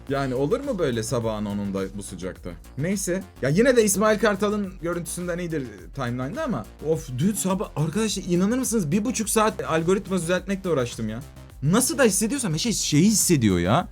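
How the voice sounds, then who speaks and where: A young man rants on a casual live stream, his voice a little higher than most men's. He talks very fast, jumping between loud outbursts and low mutters. Faint music plays behind him.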